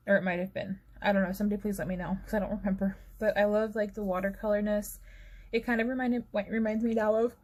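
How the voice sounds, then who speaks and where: A woman's voice: medium pitch, warm tone. A young woman vlogger chatting casually through a flip-through, rambling with fillers and self-corrections. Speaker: planner vlogger.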